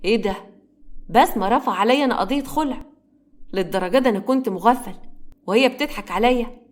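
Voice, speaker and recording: A woman's voice: on the high side, quick pace, lightly acted. A woman voicing a shocked, ruined man pleading and bitter, in Egyptian Arabic.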